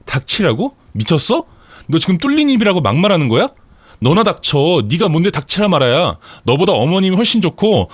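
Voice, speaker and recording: A man voicing a young mother and wife who shouts at her husband in shrill, high outbursts, in a story read for radio. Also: no room sound.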